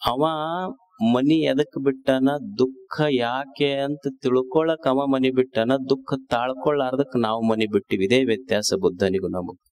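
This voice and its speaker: A man's voice: mid-range voice, moderate pace, darkish tone. A man with a North Karnataka Kannada accent giving a sermon as a swamiji, asking rhetorical questions and repeating his phrases. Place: discourse series in a town.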